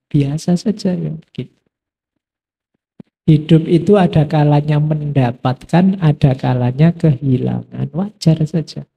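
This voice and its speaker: A middle-aged man giving a relaxed philosophy study talk, answering imagined questions from his audience. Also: fairly high pitch, vocal fry, slightly rough, dull audio. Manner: relaxed conversational teaching, quoting imagined questions. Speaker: lecturer.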